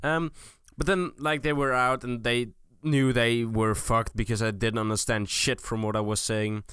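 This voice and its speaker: Young man, hesitant commentary, smooth dry sound. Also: medium pitch, flat delivery, moderate pace, fairly bright tone, no room sound. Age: young adult. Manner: hesitant, searching for words. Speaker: video host. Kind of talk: improvised casual video commentary.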